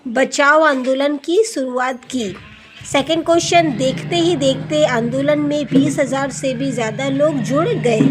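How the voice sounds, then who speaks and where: A woman's voice: high-pitched, slight background noise. A woman teacher going through exercises for students, asking questions and answering them herself, words into her speech. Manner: addresses students as beta, asks and answers own questions. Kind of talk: classroom lesson explanation.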